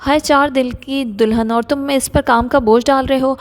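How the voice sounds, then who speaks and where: A woman's voice: high-pitched, steady tone, close to an everyday voice. A woman reading the part of an elderly mother-in-law who complains melodramatically, sighing and groaning as she talks. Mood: complaining.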